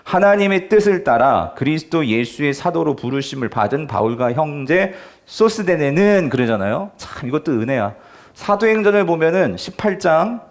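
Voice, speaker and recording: Guy pastor preaching, chatty, fairly high voice, pitch all over the place, keeps asking the church questions. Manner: conversational preaching with frequent rhetorical questions to the congregation. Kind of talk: sermon.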